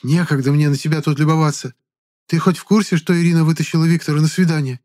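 A man doing a shrill indignant young woman. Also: fairly even intonation, quick pace, darkish tone, close to an everyday voice. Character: irritable gossiping young woman.

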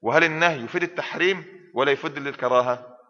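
A man with an Egyptian accent teaches a class as a sheikh, quizzing his students at a brisk pace and prompting them to finish his sentences. His voice is bright and forceful. The dull, lo-fi recording rings with a long hall reverb. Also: a little high. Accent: Egyptian Arabic. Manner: prompts students with questions and fills in answers.

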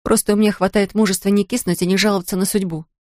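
A subdued young woman, as a woman narrator plays her talks softly about her troubles, wistful and hurt. The recording is close and dry. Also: medium pitch, steady tone, rapid-fire, no room sound, lightly acted.

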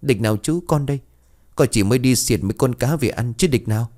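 Man putting on a high-voiced startled young villager. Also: fast talker, warm tone, lightly acted. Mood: protesting.

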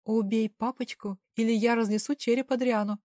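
A woman's voice: on the high side, steady tone, fairly quick, no room sound, clean studio sound, close to an everyday voice. A woman reading an audiobook, voicing a dangerous, cold female gang boss who barks orders and threats. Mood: taunting. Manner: taunting, commanding, shouting threats.

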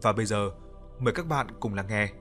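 A man hosting and reading a ghost story aloud in a calm, steady narration. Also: lowish voice, a little fast, faint music behind. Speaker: storyteller and channel host.

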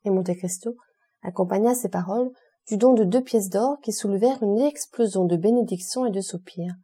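A woman narrating a classic novel as an audiobook, measured and expressive. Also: medium pitch, breathy edge.

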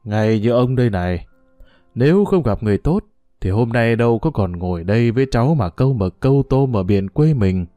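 A man voicing an old fisherman grandfather, gruff and rambling as he tells war stories to his grandson, with lively intonation over faint background music. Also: mid-range voice, brisk, dry recording, clean studio sound, natural voice. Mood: musing. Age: older. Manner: gruff, rambling storyteller who sips liquor.

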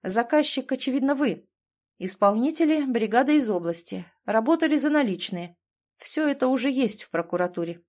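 A woman voicing a calm, tough rescue worker in an audiobook, speaking level and firm. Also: on the high side, a little fast, pitched above the performer's own voice. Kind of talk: audiobook character reading.

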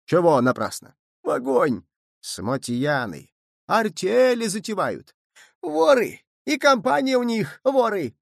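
A man voicing an angry mob of male peasants, yelling shrill and raucous in an audiobook reading. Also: very animated, slow pace, vocal fry, no echo, studio quality, exaggerated voice. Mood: furious.

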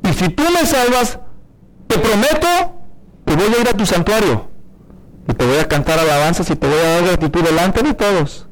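Jonah, a preacher acting out a pleading prophet. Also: male voice, high voice, expressive, normal speed, rough recording.

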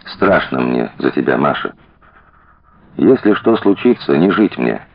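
An earnest young detective, played by a male reader, fervent and plain-spoken with a low, husky voice. His delivery is lively in pitch, and the recording sounds dull and lo-fi. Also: moderate pace, full character voice. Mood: tender.

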